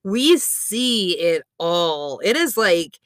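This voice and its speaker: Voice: mid-range voice, very animated, extremely slow, a bit bright, dry recording. An adult podcast co-host in casual chat, teasing and making crude jokes.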